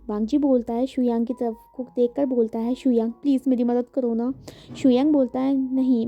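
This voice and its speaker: A woman's voice: high voice, no echo. A woman reading a fan fiction story aloud, speaking every character's lines in her own voice and mixing in English words. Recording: dull lo-fi with faint music.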